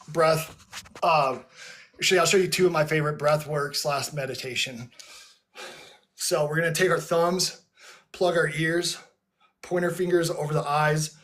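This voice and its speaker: A man talking loosely to his chat on a livestream through a headset mic, rambling with lots of "like" and restarts while leading breathwork. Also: a little high. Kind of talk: casual livestream talk to a chat.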